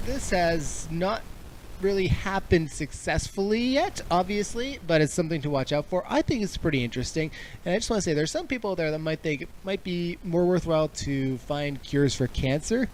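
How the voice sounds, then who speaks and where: A man's voice: fairly high pitch, a little mellow, a little hiss or hum. A man from Canada co-hosting a casual news chat, blunt and opinionated. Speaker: podcast co-host.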